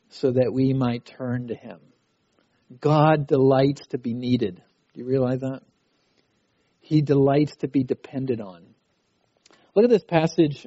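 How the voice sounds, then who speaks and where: A man's voice: mid-range voice, dark tone, dry recording, highs cut off. A middle-aged man preaching a sermon at a youth conference, talking in a conversational way and acting out a frustrated child's cries. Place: conference hall.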